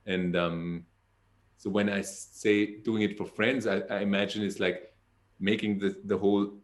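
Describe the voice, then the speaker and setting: A man's voice: on the low side, level tone, moderate pace. A man hosting a podcast, talking in a hesitant way and searching for his words in casual conversation. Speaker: podcast host.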